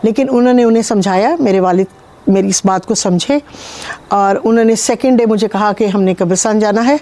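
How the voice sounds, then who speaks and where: A woman from Pakistan, a spiritual healer, calmly recounting her own experiences in an interview with measured pauses. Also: medium pitch. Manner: calm, measured storytelling with frequent pauses.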